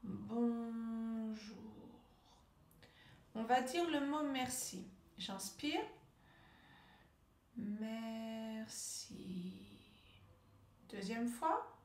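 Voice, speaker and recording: Slow, calm woman coaching speech. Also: sits high, a little hiss or hum. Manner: slow, calm, drawn-out guiding delivery. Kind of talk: guided speech exercise lesson. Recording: echoey room, voice a bit off-mic.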